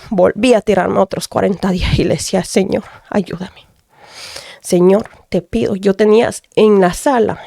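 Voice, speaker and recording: A woman's voice: mid-range voice, creaky, a little mellow, dry recording, clean studio sound. A mother gives an earnest testimony, often addressing the pastor. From Dominican Republic. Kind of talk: radio testimony.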